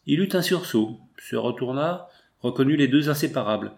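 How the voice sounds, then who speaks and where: A man narrating a literary novel as an audiobook in a measured storytelling manner. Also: mid-range voice, animated, creaky.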